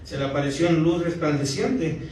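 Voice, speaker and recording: A pastor giving a conversational sermon, often checking in with the congregation. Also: male voice, fairly high pitch, moderate pace, a little mellow, a little hiss or hum. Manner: conversational preaching, often asking the congregation "¿verdad?". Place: church sanctuary. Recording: echoey church hall from far off.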